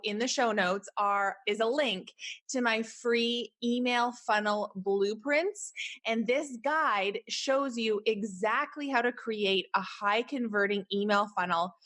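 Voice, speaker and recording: Canadian woman in her thirties, mid-pitched, hosts a casual solo podcast, chatty and encouraging. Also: a bit bright. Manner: chatty, encouraging, many fillers like "like" and "right?". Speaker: podcast host.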